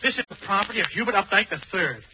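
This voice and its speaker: An actor playing an excitable, bossy everyman hero in an old-time radio comedy. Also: high-pitched, rapid-fire. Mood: hushed, wry. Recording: muffled, very noisy vintage radio recording.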